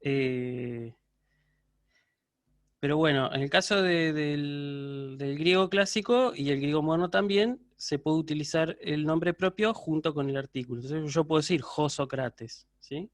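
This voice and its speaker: A man with an Argentine Spanish accent teaches a university class online, explaining patiently, constantly checking that students follow, and answering their questions live. His voice is on the high side and unhurried, recorded with clean studio sound and no echo.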